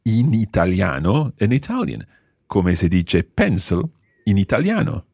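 A man with a gravelly, slightly rough, lowish voice hosts a language lesson, patiently explaining phrases and quizzing his co-hosts. He is lively and repeats phrases slowly, and the recording is dry with clean studio sound.

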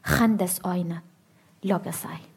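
A woman author reading a passage from her book aloud in a steady, grave manner. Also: on the low side, vocal fry, husky.

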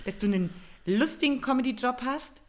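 A woman co-hosting a casual podcast, reacting with enthusiastic, short, excited comments. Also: sits high, brisk, slight background noise. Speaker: podcast co-host. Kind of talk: casual chat.

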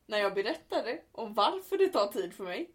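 A young woman chatting casually with her brother, laughing through her stories, swearing offhand and acting out shrill cries when she retells them. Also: sing-song. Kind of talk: casual chat.

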